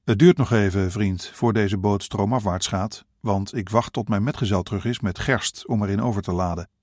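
A man's voice: lowish voice, moderate pace, a little mellow, no room sound, clean studio sound, close to an everyday voice. A man playing a burly, bearded middle-aged boatman who gives practical, reassuring advice. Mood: matter-of-fact. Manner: matter-of-fact, reassuring.

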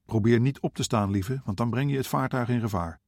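A man's voice: mid-range voice, brisk, a little mellow, no echo, clean studio sound, natural voice. A man playing a weary elderly husband who speaks politely to strangers and soothes his wife. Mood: soothing. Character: weary old husband, gentle and courteous.

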